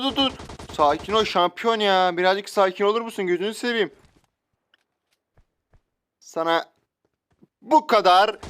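A young man giving loud, joking commentary while playing a shooter game, often shouting out at sudden moments. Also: high voice, slight background noise. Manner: loud outbursts, joking, slangy. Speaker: gaming YouTuber. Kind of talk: excited gameplay commentary. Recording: faint game sounds and gunfire.

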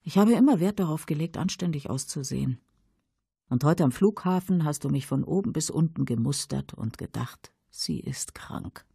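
A man voicing a tense middle-aged mother who pleads and justifies herself urgently, in a husky, creaky voice. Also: fairly high pitch, animated, fast talker, few pauses, mellow, no echo, clean studio sound, voice pushed up, exaggerated voice. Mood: urgent, pleading. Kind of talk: audiobook character voice.

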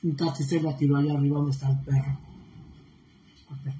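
A woman's voice: rumbling low, level tone, a little fast, dark tone. A woman hosting a casual livestream, reading viewer comments and chatting with a laugh in her voice. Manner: chatty, laughing often, gossipy. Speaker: livestream host. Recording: echoey room with faint noise.

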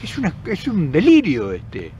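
Standing by a forest path in the countryside, this older man with an Argentine Spanish accent delivers impassioned political commentary to a nearby camera. His slightly high voice has a lively pitch and a measured pace, and he gestures emphatically while frequently restarting and repeating himself. Highs are cut off, and there's a little hiss or hum.

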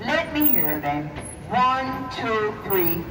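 A woman's voice: a little high, sing-song, recorded from a distance, background noise. Echoey woman tour guide in a cave. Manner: explains slowly and carefully, repeating key words. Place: large limestone cave on a tram tour. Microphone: visitor's phone camera, away from the speaker.

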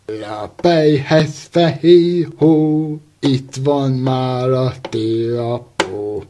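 A man performing in an amateur cartoon, talking in a playful, theatrical way. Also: medium pitch.

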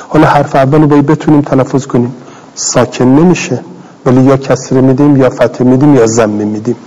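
A middle-aged male cleric delivers a scholarly commentary lecture, reading Arabic text aloud and explaining it in plain Persian, repeating and rephrasing for clarity. His voice is medium-pitched, a little mellow and husky, on a rough recording.

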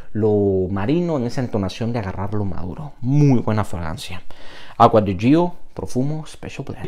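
Young male fragrance reviewer, enthusiastic, very animated pitch, mid-range voice. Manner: enthusiastic, lively intonation. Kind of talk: product review vlog.

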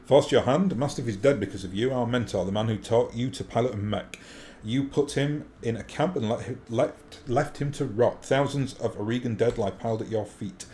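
A man's voice: mid-range voice, normal speed, dark tone, lightly acted. Man voicing a stern, wronged noblewoman leader. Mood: reproachful. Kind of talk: reading game dialogue aloud in character. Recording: faint background noise.

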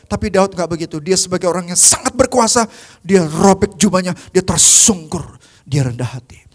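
A man preaching a youth service sermon in a church, telling Bible stories in an animated way that swings from loud to very soft, with English phrases mixed in. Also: sits high, moderate pace, husky.

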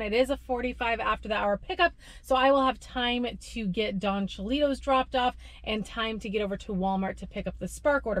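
A delivery driver in her thirties sits in her parked car and chats casually to a dashboard camera, gesturing with her hands as she narrates her vlog. Her voice is fairly high, and the audio is poor with slight background noise.

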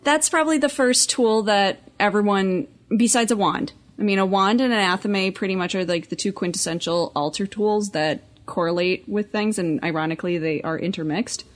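A woman co-hosting a casual podcast chat, relaxed and storytelling, often finishing her partner's sentences. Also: mid-range voice, normal speed, few pauses. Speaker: podcast co-host.

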